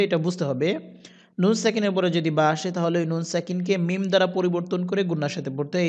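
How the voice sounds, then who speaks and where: A man teaching Quran recitation, spelling out letters and vowel marks one by one and then chanting the verses slowly. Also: high voice, a little mellow. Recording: dull lo-fi sound.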